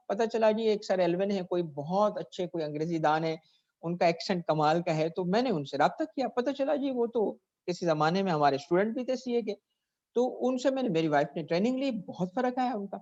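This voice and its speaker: A man's voice: high-pitched, darkish tone. A man giving a classroom lecture, who keeps checking in with his students and asks them questions. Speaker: teacher. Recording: dull lo-fi recording.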